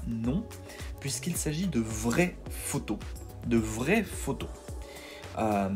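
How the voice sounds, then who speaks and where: Hesitant man narrating a game tutorial. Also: mid-range voice. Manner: hesitant, filler-heavy, repeats words; self-deprecating. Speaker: gaming tutorial host. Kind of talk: casual screen-capture tutorial voice-over.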